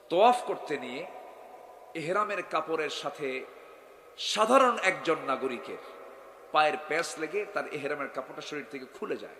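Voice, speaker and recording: A man preaching a sermon, telling stories dramatically with sudden loud bursts and quizzing the crowd. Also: a little high. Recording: echoey hall with long reverb.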